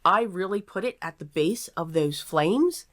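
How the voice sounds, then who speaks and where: The room is echoey and sounds sparsely furnished. In it, a woman with a somewhat low-pitched voice hosts a craft tutorial. She talks casually and without hurry, explaining each step out loud. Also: expressive, measured pace. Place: small table in a nearly empty craft room.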